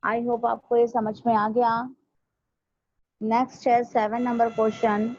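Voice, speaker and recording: A woman school teacher, patiently explaining a maths lesson step by step and slowing down to repeat things for her students. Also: on the high side, flat delivery, a little mellow, slight background noise. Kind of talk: recorded online maths lesson. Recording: dry, dull lo-fi home recording.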